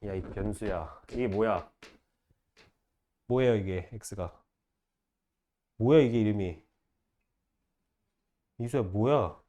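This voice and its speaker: A man teaching math to a class, firing short questions at students and repeating key phrases slowly. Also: on the low side, mellow. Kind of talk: classroom lecture.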